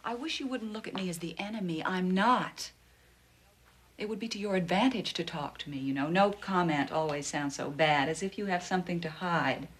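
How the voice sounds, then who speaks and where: A woman's voice: fairly low pitch, normal speed, breathy edge. A pushy young woman reporter. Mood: coaxing. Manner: cool, insistent, needling. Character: persistent young woman journalist. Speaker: actor in a TV drama. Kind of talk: daytime soap acting.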